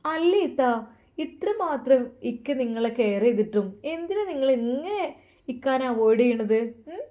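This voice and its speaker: A woman voicing a sly, scheming young woman in a high, chirpy, needling voice. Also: very animated, moderate pace, dark tone.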